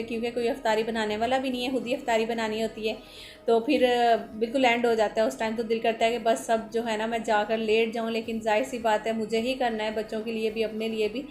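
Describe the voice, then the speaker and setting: A woman in her thirties talks through a homemaking vlog voice-over in a quick, chatty, rambling way. Her voice sits a little high for a woman. Soft music plays faintly underneath. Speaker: vlogger and mother. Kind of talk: voice-over narration for a home vlog.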